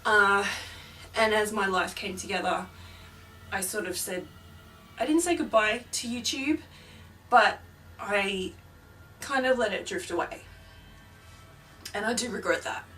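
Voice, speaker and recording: A woman's voice: medium pitch, animated, unhurried, pauses often, sharp tone, soft background music. A young woman chatting casually and rambling in a home vlog, with lots of fillers. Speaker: paranormal YouTuber. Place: home, with a film playing in the next room. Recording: distant mic, faint background noise. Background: faint noise of a film playing in another room.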